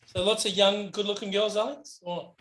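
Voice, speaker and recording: A man's voice: high voice, fairly even intonation, moderate pace, fairly bright tone, slight background noise, low-quality recording. A man in a casual group chat on a video call, ribbing the others with crude, swearing banter. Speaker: club member.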